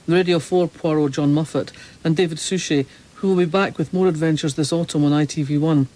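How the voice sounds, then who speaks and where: A man presenting a radio programme, briskly introducing guests and clips. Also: a little high, fairly even intonation, warm tone, rough recording. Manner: brisk, linking segments.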